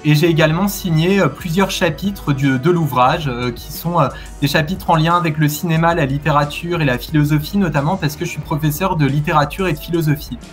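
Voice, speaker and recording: Thirties male guest, earnest teacher type, slightly high voice, soft music under. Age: 30s. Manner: earnest, measured, frequent hesitations. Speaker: literature and philosophy teacher, guest author. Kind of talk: casual video interview.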